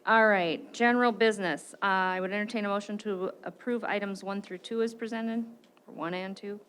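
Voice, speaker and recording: Bright, joking woman chairing a board. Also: mid-range voice, fairly even intonation, slight background noise. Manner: brisk and joking. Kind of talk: chairing a public meeting. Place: board meeting room.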